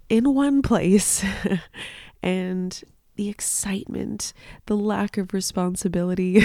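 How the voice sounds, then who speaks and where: A woman in her thirties speaks in a low, mellow, gravelly voice as she hosts a podcast alone. She rambles tenderly through her memories, stopping often and keeping herself from crying. The sound is dry and close, with no room around it. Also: no echo. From Canada. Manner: nostalgic, tearful, rambling with many fillers. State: close to tears. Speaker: podcast host. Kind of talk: emotional personal monologue.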